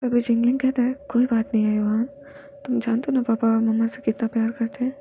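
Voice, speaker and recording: Narrating a romance fanfiction quickly and flatly, this woman has a highish voice and performs every part herself, frequently sinking into a whisper. The sound is dull and lo-fi, with faint noise.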